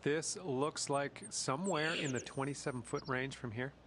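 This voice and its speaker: A man's voice: mid-range voice, normal speed, natural voice. A man reporting from the course as a golf commentator in a broadcast. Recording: clear ambience noise behind voice.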